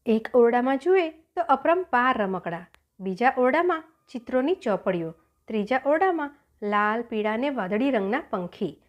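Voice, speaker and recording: Animated woman telling a children's story. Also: fairly high pitch, moderate pace. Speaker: audiobook narrator.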